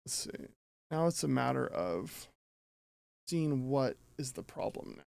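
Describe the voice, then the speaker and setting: This man's medium-pitched voice swings widely in pitch, with vocal fry and a darkish tone, and he takes his time. He's a streamer and audio tinkerer fixing gear on a livestream, musing aloud in a rambling, self-interrupting manner with casual cursing. The recording is dry.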